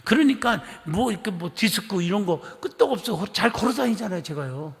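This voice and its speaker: A middle-aged man from Korea's Chungcheong region preaches in a church sanctuary. His voice sits high and gravelly, leaping up and down as he tells stories and acts out conversations. Long hall reverb trails every phrase. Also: expressive, a little fast. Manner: chatty storytelling, acting out dialogue; coaxing the congregation to respond. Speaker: pastor. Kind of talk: lively sermon.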